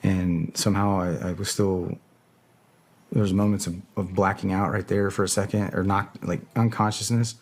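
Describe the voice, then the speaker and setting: Deep-voiced man telling a blunt story. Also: level tone, normal speed, breathy edge. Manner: profane, blunt and hesitant. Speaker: podcast guest. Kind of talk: casual storytelling.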